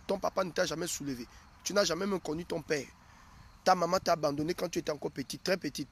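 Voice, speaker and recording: High-voiced man preaching insistently. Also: a bit bright, slightly rough. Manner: direct, hammering with repeated questions to the listener. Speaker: prophet preaching to his followers. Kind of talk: live sermon.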